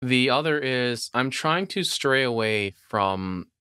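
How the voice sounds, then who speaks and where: A man's voice: medium pitch, animated, slow pace, bright, forceful tone, smooth, no echo, clean studio sound. A man co-hosting a podcast, chatting casually and opinionated about audio gear. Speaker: podcast co-host.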